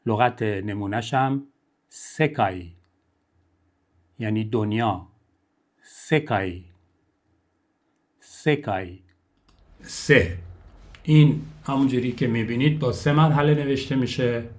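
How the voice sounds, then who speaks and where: A man's voice: mid-range voice, pauses often, darkish tone. A man teaching a step-by-step Japanese lesson, counting the strokes aloud and repeating each syllable for learners to copy.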